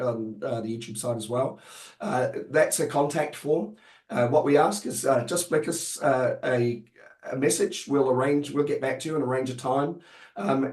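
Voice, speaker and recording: A man's voice: mid-range voice, roomy sound. A man presenting in a webinar, explaining a support program with many fillers and restarts, losing his voice. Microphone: online video call.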